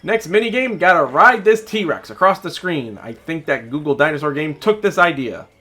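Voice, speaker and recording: A man's voice: a little high, expressive, moderate pace, pushed and bright. A man giving exasperated, sarcastic and profane commentary as he reviews a video game.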